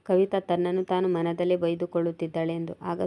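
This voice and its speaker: A woman narrating a moral storybook tale in a steady, even read-aloud manner. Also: on the low side, brisk.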